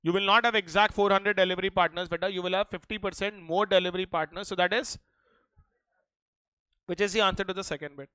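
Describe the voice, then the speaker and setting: A man's voice: high voice, fairly even intonation, fast, bright, forceful tone, clean tone, dry recording. A man with an Indian accent giving a classroom lecture, mixing Hindi into English and insistently checking that students follow. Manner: insistent, often checking that students follow, addressing them familiarly. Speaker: teacher of an exam preparation class.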